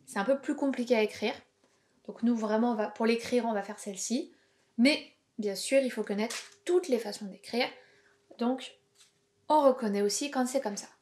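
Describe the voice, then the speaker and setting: A woman's voice: on the high side, a little mellow. Patient preschool teacher woman. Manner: slow, clear, encouraging teacher talk. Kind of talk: home-school video lesson for young children.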